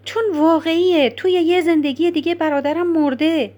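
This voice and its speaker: Brief: woman doing a young woman in despair, high and pleading, emphatic, storybook reading. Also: fairly even intonation, mellow. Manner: emphatic, raised voice. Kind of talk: audiobook character reading.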